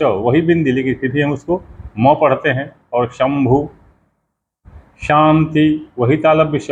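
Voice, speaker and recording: A man, a pandit, explaining how mantras should be pronounced, slowly spelling out sounds and repeating words. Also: medium pitch, darkish tone. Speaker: pandit teaching mantra pronunciation. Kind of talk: explanatory teaching talk. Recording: slightly dull lo-fi sound with faint background noise.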